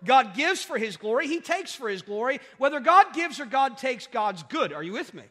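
Male pastor, emphatic sermon delivery with rhetorical questions, pitch rising and falling a lot, recorded in a reverberant sanctuary. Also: sing-song, normal speed, pushed and bright.

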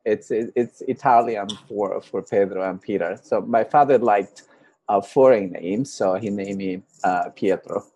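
A middle-aged man from Honduras, telling his story as a panel guest in a casual interview, pausing often with fillers and clearing his throat. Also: on the low side, dark tone, no room sound.

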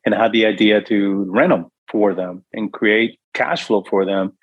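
A man's voice: fairly low pitch, steady tone, normal speed, breathy edge, dry recording, muffled recording. A middle-aged man from New York, a real estate investor and guest, telling his life story earnestly and acting out the voices in his head. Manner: earnest, acts out his own inner voice. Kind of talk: emotional storytelling.

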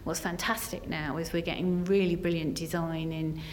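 A woman's voice: fairly low pitch, flat delivery, normal speed, slight background noise. A woman giving earnest, conversational interview answers, peppered with "you know" and "kind of". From Essex, England. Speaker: interview guest, senior business executive.

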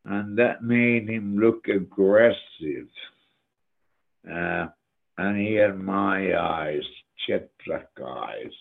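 An older man chatting casually and reminiscing about old friends, slow and profane, heard over a phone or video call. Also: deep voice, gravelly. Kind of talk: casual chat. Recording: tinny phone-like line.

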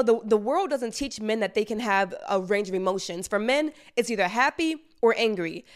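Woman ranting her opinions, bit high voice, emphatic, repeats herself, slangy, retainer in. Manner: uses casual slang. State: speaking with a retainer in. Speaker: commentator. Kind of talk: opinionated monologue.

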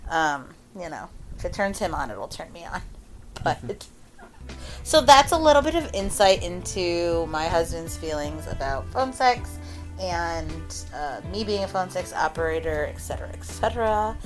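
A woman's voice: lowish voice, animated, normal speed, soft background music. A woman hosting a podcast, talking candidly about her work and laughing often. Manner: candid, laughs often, frank sexual talk. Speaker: podcast host. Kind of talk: casual chat.

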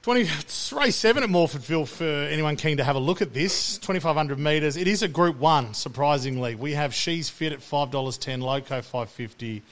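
A man's voice: fairly high pitch, brisk, hardly any pauses, a bit bright. An Australian man hosting a racing podcast with casual banter, talking in a blokey, slangy, sweary way. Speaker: podcast host.

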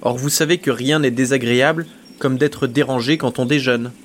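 A courteous, unflappable musketeer with an easy, mocking politeness, voiced by a man reading a novel aloud. The voice sits a little higher and louder than plain narration. He sounds calm and amused, even under fire. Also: moderate pace, a little hiss or hum, natural voice. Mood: nonchalant.

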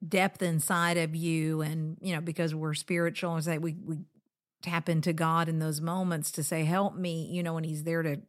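Woman, middle-aged, very low pitch, co-host, casual reflective talk, chatty asides. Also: flat delivery, moderate pace. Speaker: co-host of a marriage show.

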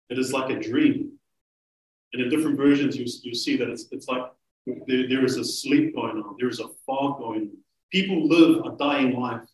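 A man preaching a sermon, earnest and emphatic, slowing down to stress key phrases. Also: medium pitch. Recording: roomy, from a distance.

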